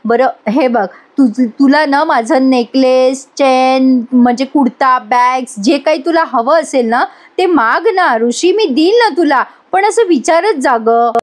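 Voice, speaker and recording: A woman reading the quoted lines of a hot-tempered, secretive young married woman, in a sharp, scolding manner. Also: high-pitched, unhurried, hardly any pauses. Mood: coaxing.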